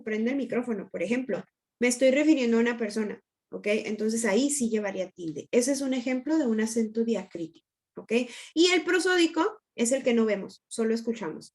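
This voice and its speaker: A woman teaching an online grammar lesson, explaining patiently and checking in with students often. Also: on the high side.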